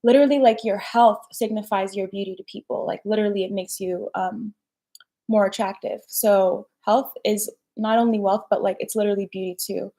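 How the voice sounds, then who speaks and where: A woman's voice: medium pitch, fairly even intonation, moderate pace, warm tone. A young woman hosting a casual live stream, chatty and slangy, peppering her talk with "like" and "right?". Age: young adult. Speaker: personal development host.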